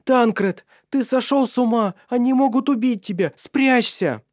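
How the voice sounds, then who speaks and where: An anxious young woman in love pleads and frets in a storybook reading, as a man voices her. Her lines sit well above the reader's usual pitch, emotional and trembling. The sound is dry and close. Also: expressive, normal speed, darkish tone, dry recording.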